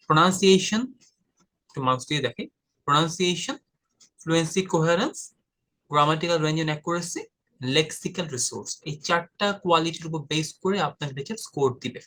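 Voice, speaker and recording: A Bangladeshi man with a fairly high, bright, forceful voice teaches an IELTS prep lesson at a normal pace. His casual explanations are direct and informal, and he calls the viewer "brother."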